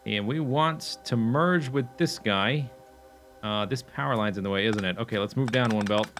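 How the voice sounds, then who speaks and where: A man's voice: medium pitch, moderate pace, a bit bright, faint music behind. Man musing aloud over a factory game. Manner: thinking aloud, chatty, with fillers and self-corrections. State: hiccuping. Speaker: gameplay commentator. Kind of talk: casual let's play commentary.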